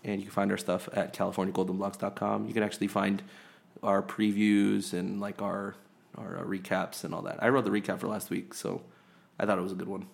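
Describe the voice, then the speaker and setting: A man with a fairly low voice co-hosts a sports podcast, talking in a loose, rambling way. He chats casually, stacking fillers and restarting his sentences as he goes. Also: little pitch movement, fairly quick, creaky. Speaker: podcast co-host. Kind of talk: casual chat.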